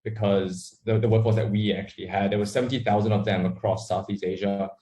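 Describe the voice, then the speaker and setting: A startup founder with a lowish voice talks briskly in an echoey room. Originally from Malaysia and raised in Australia, he rambles through his interview answers in a relaxed style with lots of fillers.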